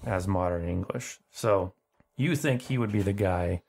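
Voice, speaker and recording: Low gravelly man running a tabletop game. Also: measured pace, a little mellow. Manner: rambling, filler-heavy narration. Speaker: game master.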